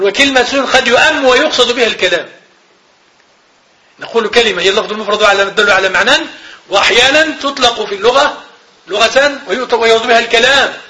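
A man giving a classroom grammar lecture, repeating each definition slowly and checking that students follow. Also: high-pitched, bright, forceful tone. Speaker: grammar teacher.

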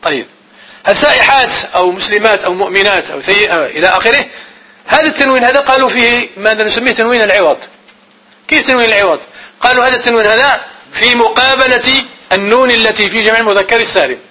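A man teaching grammar in class, repeating definitions slowly as if dictating and asking his students questions he then answers himself. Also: high voice, sharp tone, poor audio.

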